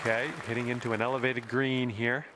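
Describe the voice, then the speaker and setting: A male golf commentator with a mid-pitched voice calls the play in short, encouraging remarks. He talks straight to the player, with clear crowd noise and ambience behind him. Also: level tone, brisk.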